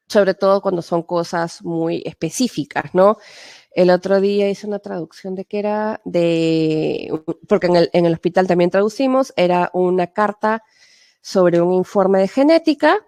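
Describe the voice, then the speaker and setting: Gravelly Peruvian woman lecturing casually. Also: on the low side, mellow, no echo. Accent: Peruvian Spanish. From Peru. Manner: conversational, many fillers and tag questions. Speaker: medical interpreter and webinar speaker. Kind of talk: webinar lecture.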